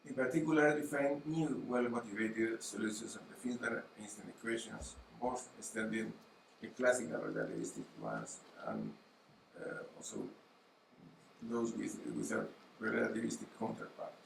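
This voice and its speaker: Male examiner, non-native English, halting and formal, lively pitch movement, distant echoey hall mic. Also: gravelly, slight background noise. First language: not English. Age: middle-aged. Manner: halting, with repeated words and searching pauses. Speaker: thesis opponent, examiner. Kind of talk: formal academic questioning at a thesis defense. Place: university auditorium. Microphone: gooseneck table microphone.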